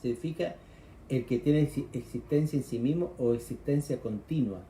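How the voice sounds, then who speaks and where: A man's voice: medium pitch, moderate pace, warm tone, reverberant, a little hiss or hum. A man with a Chilean accent preaching a sermon, explaining scripture conversationally and acting out the cries of frightened people. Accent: Chilean Spanish.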